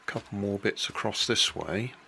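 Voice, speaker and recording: A man's voice: on the low side, normal speed, vocal fry, pushed and bright, slight background noise. An older man casually walking through a hobby build at a kitchen table, explaining each step plainly and unhurriedly, correcting himself as he goes.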